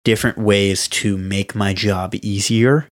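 Young male podcast co-host, lowish voice, rambling casual chat with many fillers. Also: steady tone, unhurried. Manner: rambling, full of "like" and restarts.

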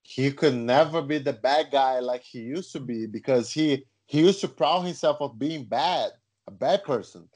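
A man from Brazil telling a personal story in a casual chat, animated and rising in pitch as he gets excited. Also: normal speed, slightly rough.

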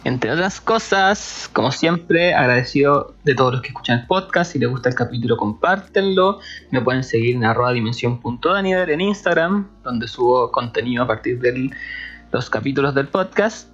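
A man's voice: mid-range voice, lively intonation, normal speed, husky, lo-fi sound, soft background music. A man hosting his own podcast, introducing a guest he admires and chatting with enthusiasm. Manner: eager, enthusiastic, warm fan. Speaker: podcast host. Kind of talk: casual podcast intro and interview.

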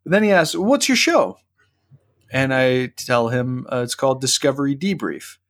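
A male podcast host in the middle of a long, rambling story, full of restarts and self-corrections. His pitch sits right in the middle of the male range. The delivery is casual and conversational. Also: a little fast. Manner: rambling, animated anecdote with frequent restarts.

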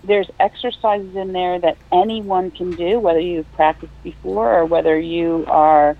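A woman's voice: lowish voice, fairly even intonation, unhurried. A middle-aged woman explaining things conversationally as an interview guest. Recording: tinny phone-line sound.

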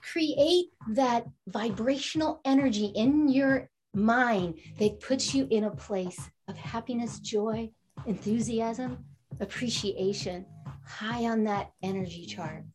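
A woman's voice: on the high side, takes it slowly, a little mellow, a little hiss or hum. Upbeat inspirational woman speaker. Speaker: panel speaker, author. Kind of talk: motivational talk.

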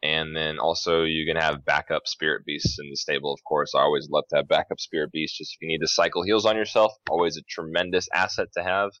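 A man with an extremely low, deep voice chats on a gaming podcast, laughing easily and filling pauses as he talks. His mic sounds dull and lo-fi. The sound is dry and close. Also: fairly even intonation, a bit bright, dry recording. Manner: chatty, laughs often, many fillers. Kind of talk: casual gaming podcast chat.

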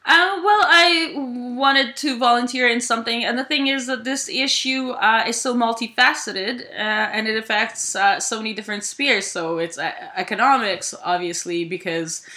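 A woman from Ukraine, a volunteer, answering interview questions thoughtfully, pausing with "uh" and correcting herself as she goes. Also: on the high side, sharp tone. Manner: thoughtful, with frequent "uh" and self-corrections. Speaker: volunteer with a food sharing group.

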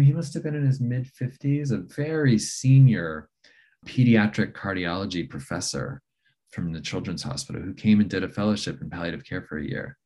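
A middle-aged palliative care physician with a low, slightly mellow voice reflects thoughtfully in an interview. His speech is full of fillers and restarts.

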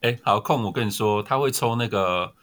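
Taiwanese dude co-hosting, kinda low voice, dry teasing jokes. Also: male voice, a little fast, a bit bright. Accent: Taiwanese Mandarin. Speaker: podcast co-host. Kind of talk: casual sports podcast chat.

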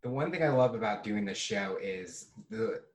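A man hosting an interview show, asking questions in a relaxed, rambling way. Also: fairly low pitch, normal speed, far from the mic, poor audio. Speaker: podcast host. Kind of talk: casual interview chat.

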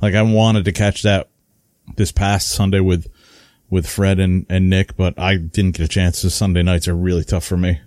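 Casual chat is the mode for this hobby podcast co-host, whose storytelling is animated and rambling, packed with fillers. He speaks at normal speed in a low-sitting voice, captured with clean studio sound and no echo.

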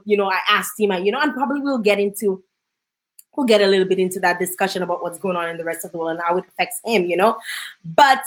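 The host is a bubbly Dominican woman, quick to laugh, whose mid-range voice carries a Dominican accent. Running a relaxed interview, she now and then drops in phrases of Creole.

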